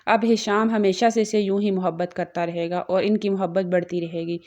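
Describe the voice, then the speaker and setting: Woman narrating a romance novel. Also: medium pitch. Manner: steady storytelling read. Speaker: audiobook narrator.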